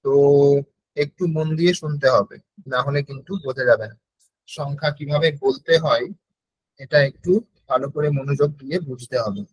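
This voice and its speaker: A man with a Bengali accent teaching a Sanskrit class over a video call, patiently repeating words slowly so his students can copy them. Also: medium pitch, breathy edge, no room sound, poor audio.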